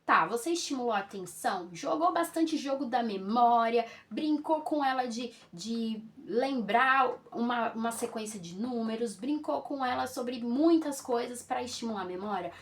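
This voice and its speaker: A woman pedagogue teaching parents how to start children reading, in a casual, lively way with frequent check-ins and playful sing-song examples. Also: fairly high pitch, moderate pace, hardly any pauses. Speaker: pedagogue and literacy educator.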